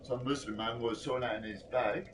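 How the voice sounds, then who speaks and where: A man with a London accent telling stories casually in rough, sweary slang. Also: medium pitch, fairly even intonation, fairly quick, fairly bright tone, slight background noise. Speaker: live-streamer telling personal stories. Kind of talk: casual chat, anecdotes. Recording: distant mic with music behind.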